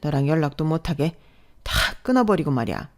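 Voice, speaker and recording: Woman reading a nagging middle-aged aunt, insistent and reproachful, lowish voice, radio-story drama. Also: sing-song, fairly quick, darkish tone. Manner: insistent, reproachful guilt-tripping. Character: pushy middle-aged aunt, guilt-tripping and pleading.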